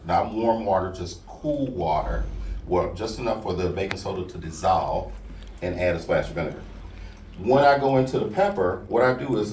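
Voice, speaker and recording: Careful, unhurried man in a noisy, roomy recording. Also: on the low side. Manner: careful, unhurried step-by-step explaining; often checks understanding with okay, right. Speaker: cooking club instructor, home cook. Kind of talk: informal hands-on cooking demonstration. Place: indoors at a house, far from mic. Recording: roomy, distant mic with loud noise.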